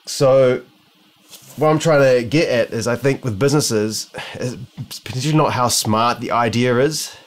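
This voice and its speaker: In an unhurried, mid-range voice, a young man with a New Zealand accent muses aloud for his optometry vlog, filmed up close indoors in his living room. It's a casual talking-head ramble full of abandoned and restarted sentences.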